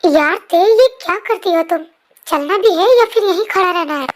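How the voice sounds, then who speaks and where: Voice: very high-pitched, normal speed. A performer voicing a stern young male school principal who scolds curtly, in an amateur fan dub voice-over. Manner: curt, scolding.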